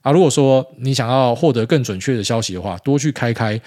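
Fast, blunt man in his thirties, podcast host who swears freely. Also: medium pitch, darkish tone. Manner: blunt, swears often, rambling and candid. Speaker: podcast host answering listener questions. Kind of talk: casual chat.

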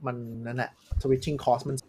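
A man's voice: medium pitch, level tone, a little slow, mellow, slightly rough. A man co-hosting a podcast in casual chat, frankly explaining things with examples. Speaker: podcast co-host.

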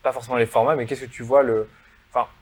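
Guy hosting a podcast, talks quick, mid-pitched, lots of "ouais". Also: little pitch movement, darkish tone, husky. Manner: asks questions, quick agreeing interjections. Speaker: podcast host. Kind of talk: casual conversational interview.

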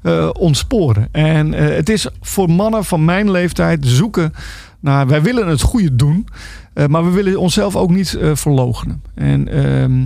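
Gravelly middle-aged man, halting. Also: fairly high pitch, expressive, dark tone, no echo, clean studio sound. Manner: hesitant, many filler sounds and restarts. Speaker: author and guest. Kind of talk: radio interview.

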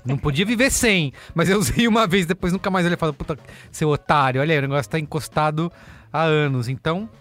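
Man, Brazilian accent, fairly high voice, reflective casual chat. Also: fast, a bit bright, faint music behind. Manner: reflective, agreeable, interjects often. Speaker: podcast co-host.

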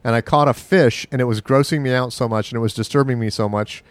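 A man telling stories in a casual podcast chat, excitable and quick. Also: mid-range voice, no room sound. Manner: fast, excitable storyteller. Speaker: podcast co-host.

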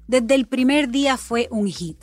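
A woman from Puerto Rico with a Puerto Rican accent, hosting and narrating a documentary podcast in a measured storytelling way. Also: fairly high pitch, animated, soft background music. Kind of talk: scripted narration.

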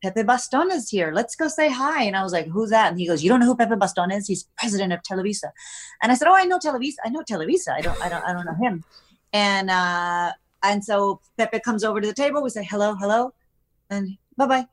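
A woman's voice: mid-range voice, fast. Woman guest, casual talk, story told with bouncing quoted voices. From United States. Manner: animated storytelling with acted-out quotes. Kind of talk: casual chat.

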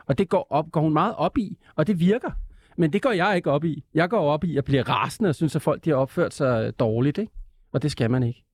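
A man, a TV presenter, chatting as a guest in an interview, animated and full of stammering restarts. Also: fairly high pitch, no echo, studio quality. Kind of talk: casual interview chat.

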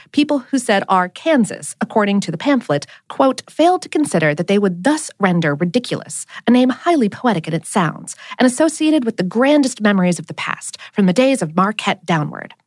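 A woman narrates a scripted podcast explainer with a wry, playful edge. Her voice sits a little high and swoops through a very animated range. The recording is close and dry. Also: no room sound. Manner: wry, lively storytelling with playful asides. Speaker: podcast host.

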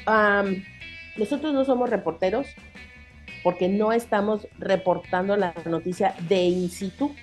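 A woman's voice: medium pitch, measured pace, soft background music. A woman with a Mexican accent, co-hosting a podcast with heated, profane, emphatic commentary. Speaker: podcast co-host.

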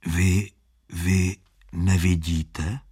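A man voicing a timid, hesitant man in an audiobook story, speaking quietly and unsure. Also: fairly high pitch, big pitch swings, husky, pitched above the performer's own voice, heavily acted.

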